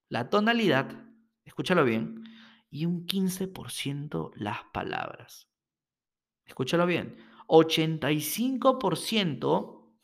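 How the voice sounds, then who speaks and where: A man's voice: a little high, creaky. A man teaching sales technique in a solo podcast, talking emphatically and checking in with the listener often. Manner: animated, emphatic, checks in with frequent "ok?". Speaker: sales coach.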